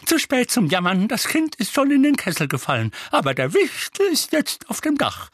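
Mrs Figg, shrill scolding old woman voiced by a man. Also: wildly swooping pitch, normal speed, breathy edge, no room sound, clean studio sound, exaggerated voice. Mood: fussing impatient. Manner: screeching, scolding.

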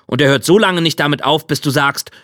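A man voicing a calm, wise older master craftsman in a fairy tale. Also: on the high side, fairly quick, dry recording, clean studio sound, close to an everyday voice. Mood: instructive.

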